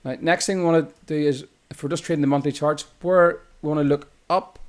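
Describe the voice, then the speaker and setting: An Irish trading instructor talks through a screen-recorded chart tutorial in a loose, explanatory style, often correcting himself mid-sentence. His voice is a little high, with fairly even intonation and a fairly quick pace.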